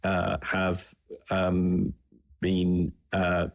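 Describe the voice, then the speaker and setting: Deep guy on a video call podcast, lots of ums, stops and starts. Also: monotone. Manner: halting, many ums and restarts. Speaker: podcast co-host. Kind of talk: casual panel chat.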